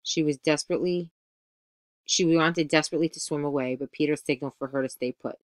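A woman teacher reading a children's story aloud, expressive, now and then correcting a slip. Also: deep voice, quick pace, no room sound. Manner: expressive, occasional self-corrections.

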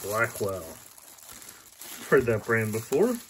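A man's voice: fairly low pitch, very animated, slow, fairly bright tone, slight background noise, rough recording. A man hosting a casual watch unboxing and review, thinking aloud with frequent fillers.

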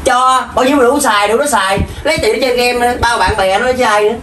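A woman's voice: on the high side, fast talker, fairly bright tone, slight background noise. A woman, playing an accusing, scolding mother in a comedy sketch. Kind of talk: scripted comedy sketch acting. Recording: echoey room from far off.

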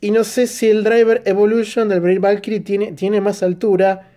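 An Argentine man with an Argentine Spanish accent, narrating a toy unboxing and review with excitable bursts of exclamation. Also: sits high, moderate pace.

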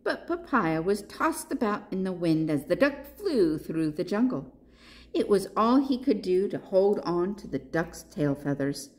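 A female librarian reads a picture book to children with lots of expression, stopping now and then to ask them questions. Her voice sits in the mid range.

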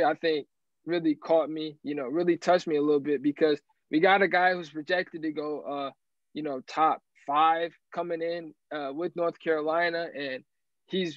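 A man talks as a guest analyst in casual sports chat, animated and rambling, often restarting his sentences. His voice sits fairly high. The recording is dry and dull, with a lo-fi sound. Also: moderate pace, no echo.

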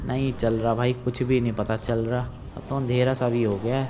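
A young man doing game role-play commentary, swinging from hushed talk to loud excited shouting. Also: mid-range voice, normal speed, noisy background. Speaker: gaming YouTuber.

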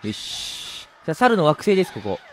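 A man giving chatty, excitable let's-play commentary while playing a video game, laughing often. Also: a little high, a little fast, soft background music. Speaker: game streamer.

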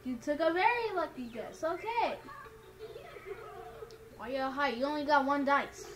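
High-voiced woman doing game commentary. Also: expressive, measured pace. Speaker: gaming video player. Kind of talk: casual let's play commentary. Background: video game music.

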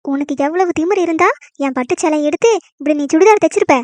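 A woman doing a high, shrill scolding mother-in-law. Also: darkish tone, dry recording. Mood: angry scolding. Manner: scolding, indignant, fast-talking when angry. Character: short-tempered scolding mother-in-law, middle-aged woman. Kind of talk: cartoon comedy voice acting.

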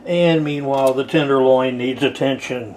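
A man's voice: mid-range voice, fairly even intonation, normal speed, a little mellow, slight background noise. A man giving casual, wry commentary while cooking in his home kitchen. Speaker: home cook.

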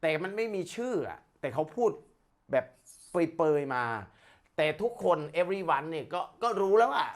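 A man tutoring English one-on-one, explaining in Thai and reading English slowly and carefully, with steady encouragement. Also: fairly high pitch.

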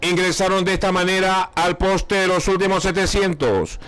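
A man's voice: high voice, moderate pace, a bit bright, clear, resonant tone. A man giving live horse race commentary in short, clipped announcer phrases.

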